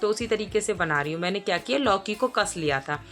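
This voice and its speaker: A woman's voice: mid-range voice, animated, brisk, fairly bright tone, faint music behind. A woman, a mother of two, talking through her day in a casual voice-over, chatty and rambling, with many fillers and restarts. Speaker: vlogger.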